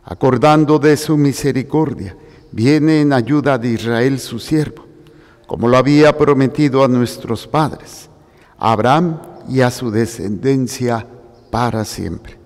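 A man serving as priest at Mass, reading the Gospel and preaching in a slow, solemn, measured way. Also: medium pitch, a little mellow. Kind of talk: liturgical Gospel reading and homily. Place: church during Mass. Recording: long church reverb.

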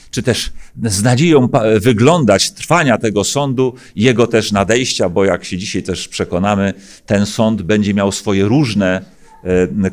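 A middle-aged man from Poland, a pastor, preaching a sermon at a lectern, with earnest emphatic questions and frequent hesitant fillers. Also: fairly low pitch. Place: church hall stage at a lectern. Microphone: lectern microphone.

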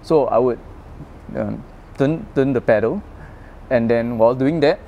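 The recording has cut-off highs and a little hiss or hum as a mid-range, slightly slow male guest who grew up in Malaysia chats about his road bike in an open parking garage at night. It's a casual interview; he's chatty and animated in stories, full of fillers and restarts.

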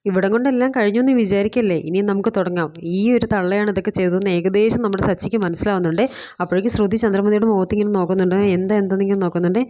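A woman's voice: mid-range voice, fairly even intonation, very fast, mellow, no echo. A woman chattily retelling a TV serial episode, quoting the characters as she goes. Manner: chatty, fillers like "kettō", quotes characters inline. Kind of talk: casual spoken recap of a TV serial.

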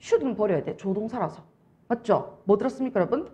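A young woman with a Busan Gyeongsang accent lecturing an English test-prep class, animated and constantly checking that students follow. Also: mid-range voice, a little fast. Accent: Busan Gyeongsang Korean. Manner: animated, keeps checking understanding with rhetorical questions.

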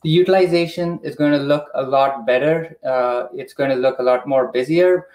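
A man explaining a technical process on a video call, measured and methodical, with frequent pauses and "uh" fillers. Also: mid-range voice, a little mellow. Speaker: product expert guest. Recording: echoey room.

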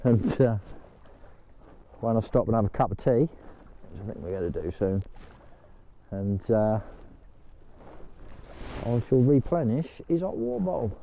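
A man's voice: fairly low pitch, expressive, unhurried, creaky, pauses often, dull audio, a little hiss or hum. An older man chatting casually to camera while kayaking on a canal, talking to his dog now and then. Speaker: vlogger. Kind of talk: casual vlog chat.

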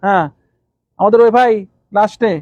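High-voiced man drilling Arabic letters. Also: fairly even intonation, dry recording, muffled recording. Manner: calls on students by name, repeats letter sounds slowly. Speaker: Arabic teacher. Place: classroom with students.

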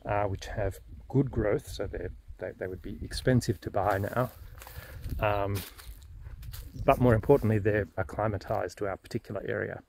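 A middle-aged man with an Australian accent talks through his vlog outdoors in an orchard garden. His voice sits low and carries a gravelly edge. He speaks in a measured, thoughtful way, with plenty of ums and restarts. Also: fairly even intonation, a little mellow, a little hiss or hum. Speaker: smallholder vlogger. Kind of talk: casual explanatory vlog.

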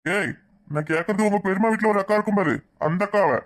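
A man's voice: sits high, fast talker, close to an everyday voice. A man voicing a bossy, teasing young village man, with a Kanyakumari Tamil accent.

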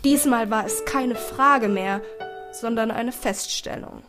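A woman narrating a story in the first person, expressive and emotional. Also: on the high side, slow pace, over music. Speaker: audiobook narrator.

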